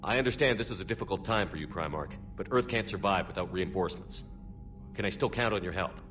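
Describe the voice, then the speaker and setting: A male actor plays a human starship commander with a very low, steady voice. He is serious, plain-spoken and authoritative in a video game drama, with music playing clearly behind him. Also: fast, lightly acted. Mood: sober, sympathetic.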